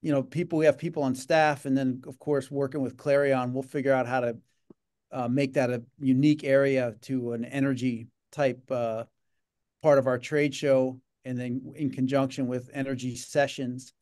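Through a video-call webcam, a middle-aged gaming association leader speaks from his home office in a casual interview. He moves at a moderate pace in a mid-range, darkish voice with little pitch movement, and his talk rambles with many fillers and repeated words.

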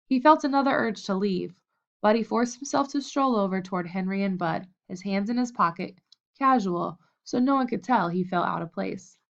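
A woman's voice: medium pitch, normal speed, vocal fry. Woman narrating an audiobook, lo-fi.

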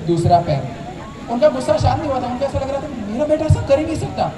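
A young man telling an animated stand-up comedy story, acting out his family members. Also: extremely high pitch, quick pace. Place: large tented college hall with a seated crowd. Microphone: handheld mic, filmed from far back in the audience. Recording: distant echoey hall with crowd noise. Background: audience laughter and chatter.

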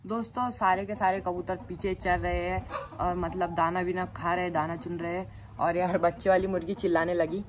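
A man's voice: sits high, level tone, moderate pace, noisy background. A man chatting to viewers in a casual pet vlog by his poultry pens, calling out to his birds now and then. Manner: chatty, keeps addressing viewers as friends; coaxes and scolds the animals loudly. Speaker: pet vlogger. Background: clucking hens and birds.

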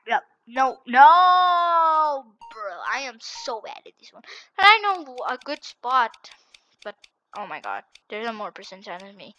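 A young woman commentating a hide-and-seek video game in a frantic, excitable way, repeating herself and dropping to whispers when hiding. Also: fairly high pitch, dull audio. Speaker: gaming channel host.

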